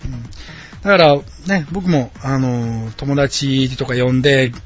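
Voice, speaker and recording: Man, late 30s, from Osaka, casual solo podcast host, meandering and hesitant, dull lo-fi sound, soft music underneath. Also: mid-range voice, slow pace. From Osaka, Japan. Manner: rambling and friendly, many hesitant fillers. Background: quiet background music.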